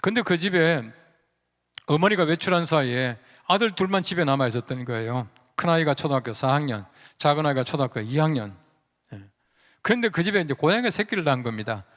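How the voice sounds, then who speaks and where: A man's voice: a little high, fairly quick. A male pastor telling a story in a conversational sermon and leading his congregation in call-and-response. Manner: conversational, animated storyteller who acts out quoted voices. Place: large church sanctuary. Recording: reverberant church sanctuary.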